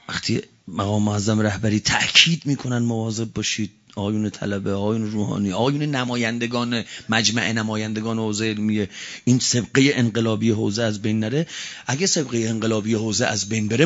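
Male cleric preacher, fiery sermon, dull lo-fi sound. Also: lowish voice. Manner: fiery oratory, swinging from quiet to shouting; chants Arabic quotations slowly. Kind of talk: religious sermon.

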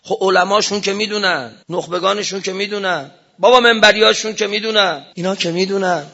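A male cleric preaching a sermon with passion, swinging between loud exclamations and soft murmured asides. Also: sits high, steady tone, vocal fry. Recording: dull lo-fi recording.

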